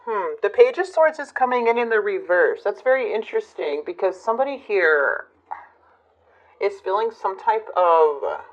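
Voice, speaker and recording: A woman reading tarot cards for her channel, talking reflectively with many fillers and pauses. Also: mid-range voice, expressive, dull audio. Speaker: tarot reader.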